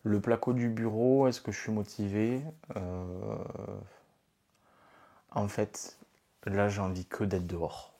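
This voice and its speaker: Deep, mellow man talking to camera. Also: little pitch movement, slow. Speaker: renovator, vlog regular. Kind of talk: casual to-camera comment.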